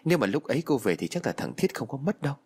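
A man's voice: mid-range voice, very animated, racing, a little mellow, breathy edge. Man voicing a grieving village mother. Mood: tearful. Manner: wailing, pleading. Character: grieving village mother, wailing for her dead son.

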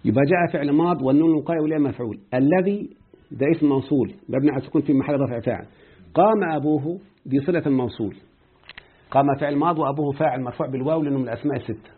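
An Egyptian man with a husky voice teaches grammar at a quick clip, asking his students questions as he explains. He sounds as if heard over a tinny, phone-like line. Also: fairly high pitch. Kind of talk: explaining a grammar text in class.

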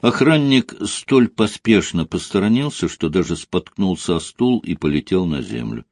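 A man narrates a story in a low, husky voice, with a lively, expressive rise and fall. The sound is dry and close, with no room around it. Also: moderate pace, no echo. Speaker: audiobook reader. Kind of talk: scripted narration.

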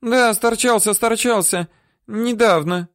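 A man's voice: high voice, slow pace, dry recording, clean studio sound, pitched above the performer's own voice. A man voicing a frightened, whimpering woman for an audiobook, her voice whiny, squealing and pleading. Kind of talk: audiobook character voice.

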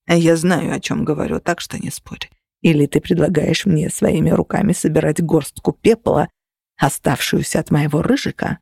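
A woman voicing a weary, protective young man who talks low and soft in an audiobook. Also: gravelly, husky, dry recording, studio quality, exaggerated voice. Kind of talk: audiobook character voice.

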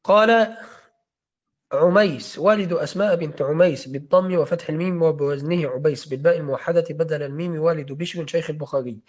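A man's voice: on the high side, quick pace. A man reading a classical hadith-studies text aloud in a lesson, steadily spelling out names and their vowels. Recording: dull lo-fi recording.

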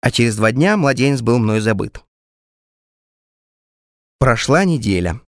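A man reading a literary story aloud as an audiobook narrator, in a measured, wry first-person manner. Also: mid-range voice, expressive, no room sound, studio quality.

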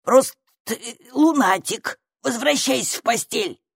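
A woman's voice: on the high side, lively intonation, creaky, slightly rough, dry recording, clean studio sound, pitched above the performer's own voice, exaggerated voice. A woman voicing a grumpy, squat male troll-like creature who grumbles and drags out his words in a storybook reading. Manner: grumbling, slow and drawn-out.

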